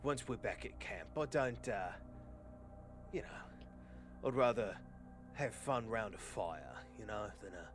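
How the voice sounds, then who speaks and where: A man's voice: lowish voice, animated, slow, pauses often, music in the background. A man voicing a stocky, wary dwarf mercenary who rambles and hedges. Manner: rambling, hesitant, guarded.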